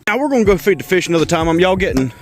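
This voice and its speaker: High-voiced and rapid-fire, with big pitch swings, a pet keeper vlogger narrates his backyard fish pond chores outdoors while out of breath, rambling casually throughout. Loud hip hop music sits over the voice in this casual pet vlog.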